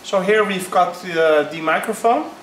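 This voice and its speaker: A man talks slowly and haltingly, pausing often as he vlogs. The sound is poor and low quality, captured by a built-in camera mic in an echoey room at home. A faint hiss sits under his slightly high voice. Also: far from the mic. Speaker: YouTuber starting a channel. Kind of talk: casual unboxing vlog.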